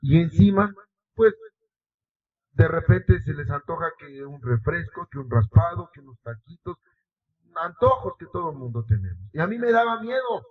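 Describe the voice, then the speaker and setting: Passionate middle-aged Mexican preacher, high voice. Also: male voice, very animated, moderate pace. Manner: emotional, conversational preaching with sudden rises and drops in loudness. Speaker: lay preacher. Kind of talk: sermon. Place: church. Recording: distant, muffled church recording.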